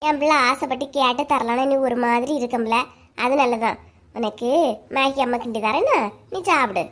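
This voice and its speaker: A woman's voice: fairly high pitch, normal speed, fairly bright tone, pitched below the performer's own voice, natural voice. A woman voicing a bossy, scheming cartoon mother with a Kanyakumari Tamil accent, coaxing and ordering her kids. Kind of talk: cartoon voice acting.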